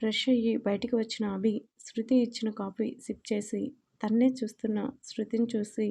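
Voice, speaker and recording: A woman tells a romantic audio story, reading in an even, level way that barely rises or falls. Her voice is warm and mellow and sits a little high for a woman. She stumbles now and then and corrects herself before going on. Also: moderate pace, gravelly, husky. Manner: reads every part in her own voice with little change; occasional small slips and self-corrections. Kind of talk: scripted story narration.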